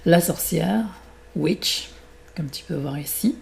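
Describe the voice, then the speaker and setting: Gravelly-voiced French teacher. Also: male voice, fairly high pitch. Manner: slow, deliberate, teacherly. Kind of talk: reading a tale and leading exercises.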